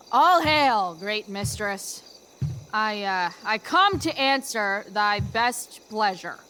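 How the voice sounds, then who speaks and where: A woman playing a blunt, sarcastic and reluctant rebellious teenage girl in a video game, halting when she recites. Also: medium pitch, animated, bright, forceful tone, a little hiss or hum, heavily acted. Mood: awkward reciting. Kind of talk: naturalistic video game acting.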